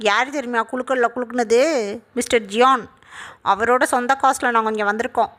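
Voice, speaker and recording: A woman's voice: fairly high pitch, fairly even intonation, a little fast, fairly bright tone, voice pushed up, natural voice. A woman voicing a teasing, bossy old village grandmother in a storytelling voice-over, chatty and scolding.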